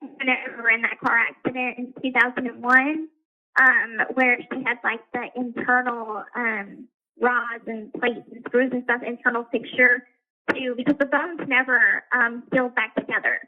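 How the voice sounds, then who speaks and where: With a somewhat high voice, a level tone and a moderate pace, a woman phones from prison on a payphone. She's an inmate who stumbles and wanders through her words using lots of fillers, and the line sounds tinny.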